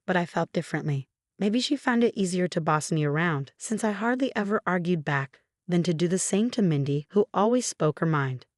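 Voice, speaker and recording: A woman reading a scripted first-person story in a calm, even storytelling manner. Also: on the low side, no echo, studio quality. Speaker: narrator.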